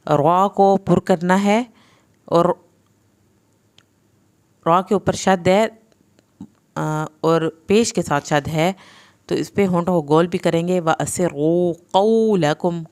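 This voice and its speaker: Woman teaching recitation, low smooth voice, slow chanting then patient step by step explaining. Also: a little mellow.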